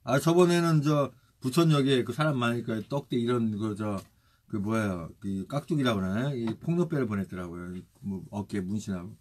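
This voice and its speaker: Husky-voiced male pastor. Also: mid-range voice, fairly quick, a little mellow. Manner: exhorting, then steadily reciting lists of names. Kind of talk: sermon and spoken prayer.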